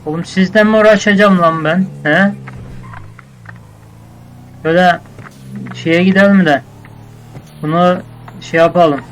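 A man's voice: sits high, steady tone, unhurried, pauses often, fairly bright tone, low-quality recording. A man acting out a casual game roleplay, bossing his crew around in scolding, slangy street talk.

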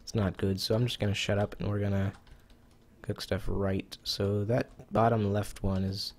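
His pitch is lowish and barely moves, and he talks at an ordinary speed on a low-quality recording. The speaker, a gaming YouTuber, offers relaxed, talkative commentary on a browser cooking game, addressing himself, swearing occasionally, and sounding a little out of breath.

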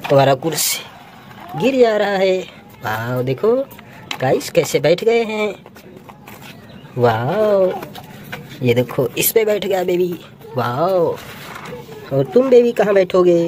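A woman's voice: fairly low pitch, dark tone, slight background noise. A woman narrating a toy play video for children, exclaiming and sing-song, full of "wow" and "oh no".

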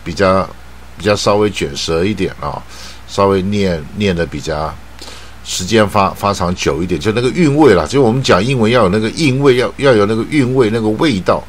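A man with a Taiwanese Mandarin accent teaching an English pronunciation lesson, drawing out model words slowly and dotting his talk with filler particles. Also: lowish voice, lively intonation, slight background noise.

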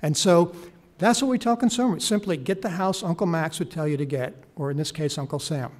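A man's voice: on the high side, a little fast, a little mellow. A middle-aged man presenting a government home program on a policy panel, enthusiastic and persuasive, speaking into a table mic in a wood-paneled hearing room. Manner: enthusiastic, persuasive, gestures while talking. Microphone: table mic on stand.

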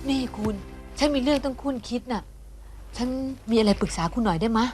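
A woman's voice: on the high side, expressive, brisk, a little mellow, close to an everyday voice. An actress playing a fussy, insistent middle-aged mother in a TV drama, scolding and coaxing her husband. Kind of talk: Thai TV soap acting. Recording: music score underneath.

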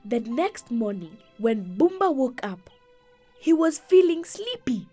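A woman narrating a children's cartoon story with expressive, suspense-building delivery. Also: a little high, slow pace, husky, faint music behind.

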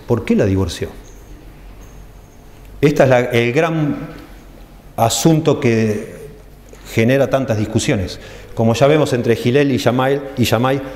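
A man's voice: mid-range voice, a little mellow. A man preaching in a church, explaining texts carefully and stressing key phrases, with a Rioplatense Spanish accent. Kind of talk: church teaching sermon. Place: church hall. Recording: echoey church hall, long reverb.

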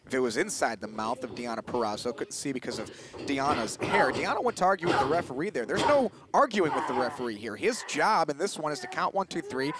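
A man's voice: mid-range voice, lively intonation, fast. A man doing live play-by-play wrestling commentary. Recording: clear background noise.

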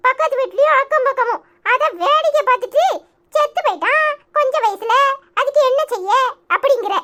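Woman voicing a shrill, scolding cartoon grandson. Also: a bit bright. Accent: Tirunelveli Tamil. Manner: nagging, mocking questions. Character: young grandson, scolding and sarcastic. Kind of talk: cartoon voice acting.

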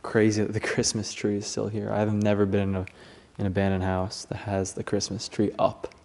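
Low, mellow-voiced man exploring a house. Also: moderate pace. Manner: relaxed, musing, low-key asides. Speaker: urban explorer filming a tour. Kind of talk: casual walkthrough narration. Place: indoors in a large empty house.

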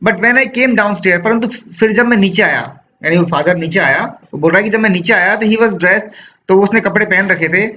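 A man's voice: high voice, normal speed, bright, forceful tone. A man with an Indian accent giving a literature lecture, reading English lines from a story and explaining them in Hindi. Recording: dull lo-fi sound with faint noise.

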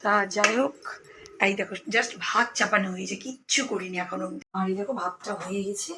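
A woman with a hoarse voice, chatting casually to her viewers in a home vlog from her kitchen and balcony. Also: medium pitch, brisk, heavy background noise. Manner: chatty, addresses viewers directly. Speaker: lifestyle vlogger.

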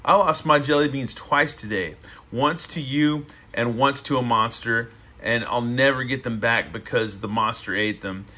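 A man's voice: mid-range voice, moderate pace, pushed and bright. A man reading as a grumpy little boy. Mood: grumbling. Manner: indignant grumbling. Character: grumpy young boy mad about jelly beans.

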